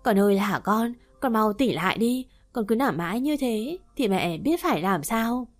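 A woman's voice: fairly high pitch, expressive, moderate pace, lightly acted. A woman voicing a worried mother weeping at her daughter's bedside in a storybook reading, pleading tearfully.

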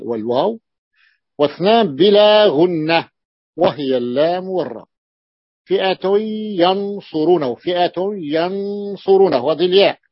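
A man teaching a grammar lesson, explaining a text and slowly repeating his examples to the class. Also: fairly high pitch, slightly rough, no room sound. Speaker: teacher of Arabic morphology. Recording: dull, dry lo-fi recording.

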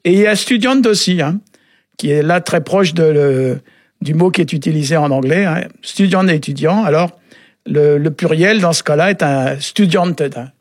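Husky man explaining words, halting. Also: a little high, dry recording, clean studio sound. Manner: halting, often adds "hein" and "euh". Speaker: Breton language expert on a radio show. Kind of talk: relaxed explanatory radio chat.

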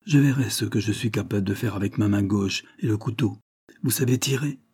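A man reading the part of a wounded, exhausted drifter who gives low, terse, calm orders. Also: brisk, slightly rough. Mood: murmuring. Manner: terse, low murmured commands. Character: wounded weary male drifter, calm and commanding.

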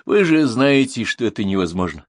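A man's voice: mid-range voice, very animated, normal speed, dry recording, studio quality, lightly acted. A man reading an audiobook, voicing an elderly male waiter who is nervous yet dignified and earnest. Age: older. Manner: earnest, defensive.

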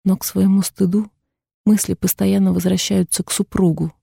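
Gravelly, husky woman reading a novel. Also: medium pitch, little pitch movement, normal speed, mellow, dry recording, studio quality. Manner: subdued, introspective reading. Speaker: audiobook reader. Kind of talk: first-person novel narration.

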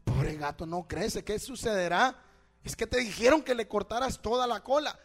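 A man preaching a sermon, fervent and swinging between loud exhortation and hushed storytelling, often calling listeners brother and asking rhetorical questions. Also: sits high, normal speed, soft background music. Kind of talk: evangelical sermon.

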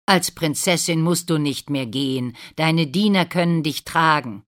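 A woman voicing a harsh stepmother in a storybook, speaking loudly and bossily. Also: low-pitched, measured pace. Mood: commanding. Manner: sharp, loud, commanding.

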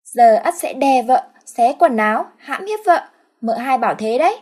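A woman's voice: high voice, expressive, moderate pace, darkish tone, pitched above the performer's own voice. A woman voicing a simple-minded, brutal young village man who talks like a child and calls himself by name. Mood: blunt.

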